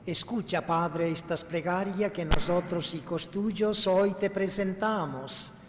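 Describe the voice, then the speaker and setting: A man, a priest, reciting solemn Mass prayers in a measured, formal manner with a cathedral-like echo. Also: sits high. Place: large reverberant church. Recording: cathedral-like echo, long church reverb, background noise.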